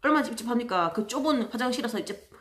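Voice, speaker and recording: A woman telling stories in a casual monologue, chatty and exasperated, acting out other people in loud voices. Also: fairly high pitch, lively intonation, quick pace. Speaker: vlogger.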